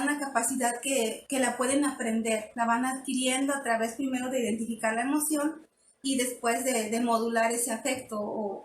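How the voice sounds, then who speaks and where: A woman with a fairly high voice teaches parents in a live online session. She explains slowly and patiently, often restarting her phrases. The room sounds echoey, with a faint hum behind her. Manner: explanatory, with many restarts and fillers. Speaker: parenting workshop facilitator.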